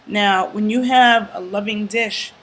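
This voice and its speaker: A woman giving an earnest, emphatic talk to camera about food, often checking in with "okay?" and pausing to think aloud. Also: mid-range voice, fairly even intonation, a bit bright, low-quality recording. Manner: thinks aloud with fillers and restarts. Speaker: YouTube commentator. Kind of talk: casual talking-to-camera commentary.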